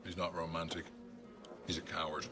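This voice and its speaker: A man's voice: low-pitched, level tone, moderate pace, over music, lightly acted. An actor playing a blunt, brash man in a film comedy-drama. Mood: dismissive.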